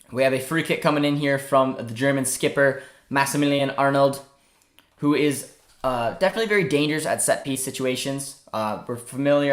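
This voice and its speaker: A man's voice: medium pitch, roomy sound. A young man from Canada hosting a casual live football watchalong, chatting and reading viewer comments aloud. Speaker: livestream host.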